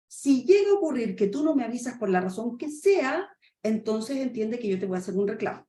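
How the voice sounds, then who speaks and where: A woman's voice: a little high, dark tone. A woman training consultant giving a webinar lecture, often checking in with her listeners and acting out workplace dialogues. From Chile. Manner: acts out boss-employee dialogues; addresses audience directly with check-ins. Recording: echoey room.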